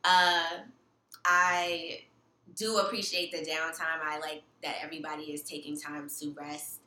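A woman's voice: deep voice, level tone, unhurried, bright, forceful tone. A woman, chatting casually and reflectively as a podcast guest. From Queens, New York. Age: 30s. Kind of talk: casual personal chat. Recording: echoey room, audible background noise.

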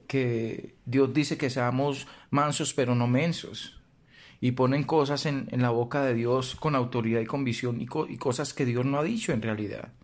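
A man giving a devotional sermon, speaking earnestly to the listener, slowing down to stress key words and asking direct questions. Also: medium pitch. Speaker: preacher.

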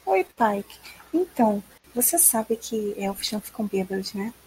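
A woman with a Brazilian accent and a husky voice, role-playing casually and playfully as a tabletop game player. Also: medium pitch, lively intonation, unhurried, a little mellow, slight background noise, rough recording.

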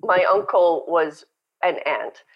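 A woman raised in Canada, a podcast guest and company founder, chatting and telling lively stories over a remote call. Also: fairly low pitch, slow, lo-fi sound. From born in South Africa, raised in Canada. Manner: chatty, storytelling, animated. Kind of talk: casual interview chat. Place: home in Brazil, remote call.

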